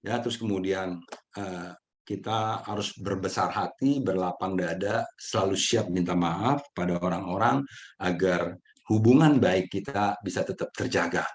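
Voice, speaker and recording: A man speaking gently and unhurriedly as speaker of a mindfulness session, answering audience questions with frequent chuckles. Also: sits low, a little slow.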